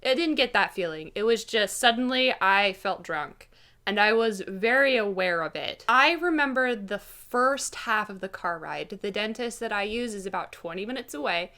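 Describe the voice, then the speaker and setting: A woman with a bright, forceful voice at an average pitch tells a story as a casual vlogger. Her delivery is animated and conversational, as if recounting an anecdote to her viewers and acting out who said what. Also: moderate pace. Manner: animated, acts out quoted dialogue.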